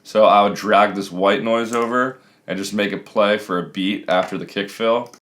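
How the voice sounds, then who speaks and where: A man's voice: lowish voice, steady tone, moderate pace, a bit bright. A man in his thirties talking casually and explaining step by step as a music production tutor, recorded in a small home room.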